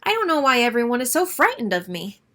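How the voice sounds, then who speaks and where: A woman's voice: on the high side, big pitch swings, quick pace, pushed and bright. A woman voicing a tiny, timid but proud furry male monster in a children's story, speaking plaintively.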